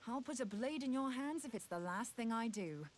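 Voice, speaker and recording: A woman's voice: on the high side, expressive, a little fast, slight background noise, close to an everyday voice. A woman playing a plucky, wry female scholar in a video game, speaking in a chatty, informal way. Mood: determined. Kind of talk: scripted video game voice acting.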